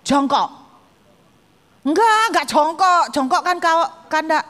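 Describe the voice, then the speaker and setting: A woman pastor preaches, her voice pitched very high. She tells her story animatedly and speaks straight to the congregation. Her voice rings with the long reverb of a church hall. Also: lively intonation, unhurried, fairly bright tone. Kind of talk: sermon.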